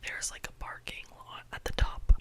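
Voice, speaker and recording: Cupped-hand ASMR whisper, softly repeating phrases. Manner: repeats phrases slowly for effect. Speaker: ASMR creator.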